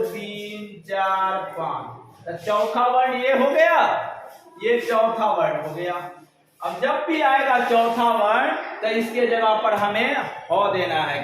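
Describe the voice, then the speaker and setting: A man teaching a Hindi grammar lesson at a board, slowly, asking the class questions and answering them himself. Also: very high-pitched, a bit bright. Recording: very echoey room with clear background noise.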